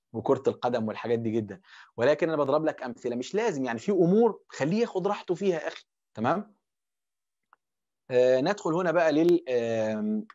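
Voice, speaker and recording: Fast-talking Egyptian man giving a lecture. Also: mid-range voice, a little mellow. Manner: conversational, asks and answers rhetorical questions. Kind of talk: religious lecture on parenting. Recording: dull lo-fi audio.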